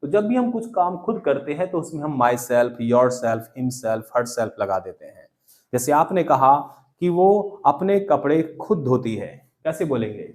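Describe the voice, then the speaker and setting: A man's voice: medium pitch, big pitch swings, unhurried, a little mellow. A man teaching a spoken English class in a classroom, drilling students by asking them to repeat phrases. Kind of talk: classroom lesson in Hindi and English.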